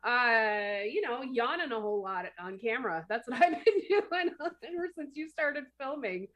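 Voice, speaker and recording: A woman's voice: a little high, animated, moderate pace, fairly bright tone. Playful, sarcastic woman co-host. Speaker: podcast co-host. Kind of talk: casual podcast chat.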